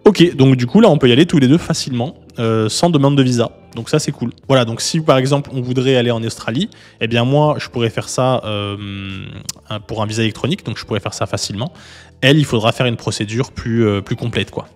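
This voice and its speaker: A man hosting a casual explainer video, talking viewers through a website in a relaxed, chatty way with frequent fillers and restarts. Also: mid-range voice, brisk, in a large hall. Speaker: YouTube host, legal consultant. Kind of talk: casual explainer with screen walkthrough.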